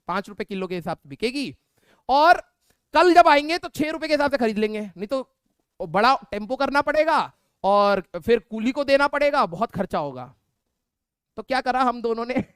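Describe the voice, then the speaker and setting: A man's voice: extremely high pitch, a bit bright, clear, resonant tone, no room sound, studio quality. A young man, a physics teacher, casually telling a class a funny story and often adding "theek hai". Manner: chatty, keeps tagging lines with "theek hai"; laughs at his own story. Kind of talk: casual anecdote told to a class.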